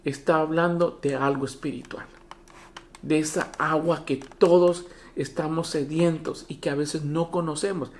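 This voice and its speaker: A pastor preaching a Spanish-language sermon from a home church. The pastor talks in a lively way, acts out Bible dialogue and keeps asking the listeners whether they follow. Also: mid-range voice, measured pace, slight background noise. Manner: animated, repeats "¿me entienden?" to the congregation.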